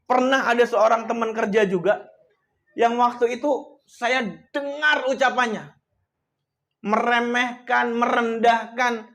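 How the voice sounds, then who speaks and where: A man coaching an audience in a motivational speech, telling stories and addressing his listeners directly. He swings between hushed, soft passages and loud, emphatic outbursts, with frequent devout exclamations. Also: very high-pitched, fairly even intonation, a little slow.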